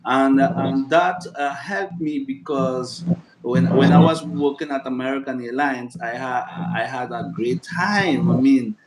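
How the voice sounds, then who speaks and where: This interview guest is a man whose first language is Spanish, with a mid-range voice and a slightly slow pace. Chatty and earnest, he gives casual answers full of repeated words and fillers. Loud background noise fills an echoey room.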